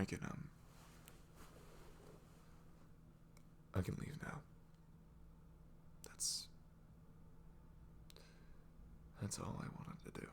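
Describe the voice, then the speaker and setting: In an intimate ASMR roleplay, a man plays an apologetic, vulnerable ex-boyfriend, speaking in a breathy half-whisper with hesitant, resigned emotion and light acting.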